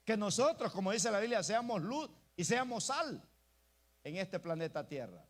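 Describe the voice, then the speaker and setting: A man's voice: high-pitched, very animated, normal speed. A male pastor preaching an emphatic sermon, often calling out to the congregation as brothers. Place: church.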